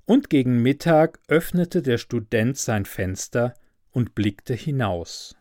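Slow, measured male storyteller. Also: medium pitch, dry recording, studio quality. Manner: slow, measured, expressive narration. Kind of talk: storybook reading.

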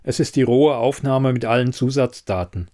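A polished, evasive TV quizmaster in an audiobook crime story, as the male reader puts him on. He speaks politely and smoothly, close to the reader's own mid-pitched voice. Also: moderate pace, mellow, lightly acted. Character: slick, evasive male TV quiz host.

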